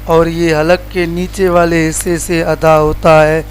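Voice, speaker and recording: Flat-voiced man teaching letter sounds. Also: on the high side, a little hiss or hum, rough recording. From Pakistan. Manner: drawls out each letter slowly as a model; plain explaining teacher tone. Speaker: Quran recitation teacher. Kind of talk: letter-by-letter pronunciation lesson.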